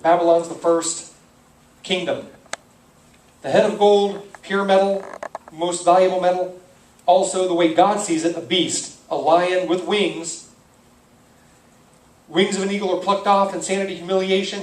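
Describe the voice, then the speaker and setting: On a poor, roomy recording made from a distance, a man with a high-pitched, fairly even voice talks at normal speed with long pauses. As a pastor teaching the Bible verse by verse, he's conversational, thinking aloud and stopping to puzzle over and correct names.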